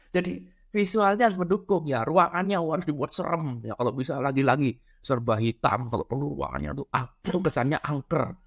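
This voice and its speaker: A middle-aged man giving a casual spiritual lecture, lively and constantly checking in with his listeners with tag questions. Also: fairly high pitch. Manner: lively, peppers talk with "ya" and "benar ya?".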